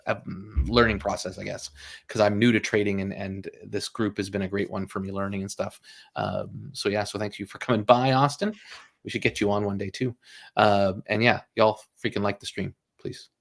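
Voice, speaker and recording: A low, gravelly man hosts a casual livestream. He rambles with lots of fillers and quick apologies, and he laughs easily. His voice sits deep and crackles with fry throughout. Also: fairly even intonation. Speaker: livestream host.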